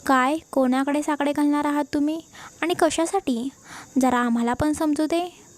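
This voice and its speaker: A woman voicing a sharp-tongued, sarcastic middle-aged aunt. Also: sits high, fairly even intonation, moderate pace, natural voice. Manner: sarcastic, irritable.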